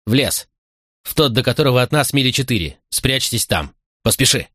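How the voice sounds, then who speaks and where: A man voicing a firm, resolute young Roman officer in an audiobook, giving quick commands. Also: mid-range voice, lively intonation, fairly bright tone, no room sound, studio quality, voice pushed up. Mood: commanding.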